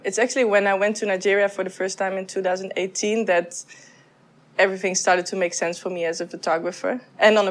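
A woman from the Netherlands, a photographer, answering interview questions in a thoughtful, soft-spoken way with frequent pauses and restarts. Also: mid-range voice. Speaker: photographer guest.

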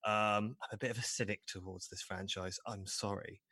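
A man's voice: on the low side, steady tone, moderate pace, pushed and bright, no echo, studio quality. A man co-hosting a podcast in casual chat, rambling and cynical with self-deprecating asides. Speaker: podcast co-host.

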